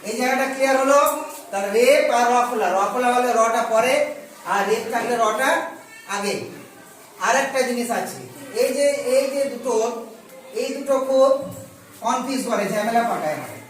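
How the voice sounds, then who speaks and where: A man teaching children spelling, patient and repetitive, asking questions and saying words slowly. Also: very high-pitched, lively intonation. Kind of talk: children's Bengali spelling lesson. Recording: echoey room, voice from a distance.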